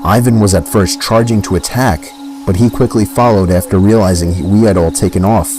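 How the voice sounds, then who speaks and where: Male narrator, lowish voice, measured first-person horror narration, faint music bed. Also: fairly even intonation, low-quality recording.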